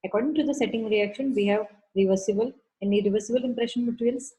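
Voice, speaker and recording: A woman's voice: on the high side, quick pace, warm tone, low-quality recording. A woman lecturing on dental materials, going through classifications step by step in a methodical, instructional way. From India.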